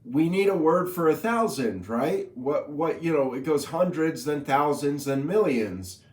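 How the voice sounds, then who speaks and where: Slow, playful man in an echoey room. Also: fairly high pitch, expressive, a little mellow. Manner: playful, teasing; recites long lists of coined number words. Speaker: inventor explaining his number system. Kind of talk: casual spoken explainer.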